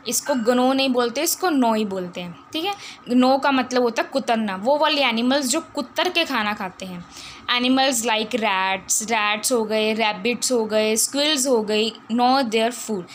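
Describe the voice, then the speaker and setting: Her voice a little high and a bit bright, with some hiss or hum in the recording, an Indian-accented woman gives a science lesson. She slowly reads English lines, then explains them in blended Hindi and English, questioning herself and repeating words.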